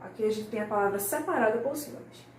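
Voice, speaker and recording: In this recorded remote class, a woman teaching young children speaks patiently in a slightly high, slightly mellow voice. She's a primary school teacher who draws example words out slowly and checks in frequently, captured from a distance in a roomy space with faint hiss.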